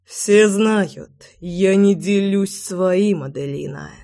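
A woman voicing a domineering male crime boss who speaks hoarsely and menacingly in an audiobook. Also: mid-range voice, slow pace, mellow. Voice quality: hoarse, growling.

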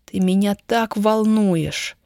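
A woman's voice: dry recording, clean studio sound, close to an everyday voice. Woman reading as a guarded rich young husband. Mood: low, measured. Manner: slow, low, even delivery. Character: young man, wealthy husband, ardent but guarded.

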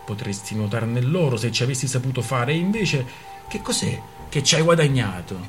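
A man reading aloud and voicing a gruff, greedy older father who scolds and mocks his daughter harshly. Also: mid-range voice, lively intonation, fairly quick, music in the background, lightly acted. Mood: scornful. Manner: harsh, mocking, domineering. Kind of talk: audiobook reading.

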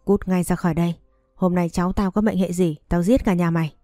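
A woman's voice: lowish voice, steady tone, brisk, mellow, no echo, clean studio sound, faint music behind, lightly acted. A woman reading the lines of a fierce, commanding older mother-in-law. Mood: furious, commanding. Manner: commanding, harsh.

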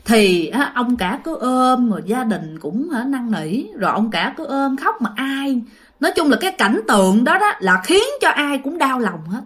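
Brief: chatty woman storyteller, high voice. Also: very animated, normal speed, a bit bright. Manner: chatty, addresses listeners directly. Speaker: ghost story narrator. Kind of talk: casual spoken storytelling.

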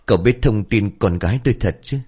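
A man voicing a stern, gruff middle-aged village father who asks pointed questions. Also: fairly low pitch, fairly quick, a little mellow.

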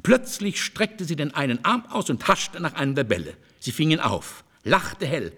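A man narrates classic literary fiction in a measured, expressive way. His voice sits slightly high and moves in lively melodic curves. It is steady audiobook storytelling. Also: husky.

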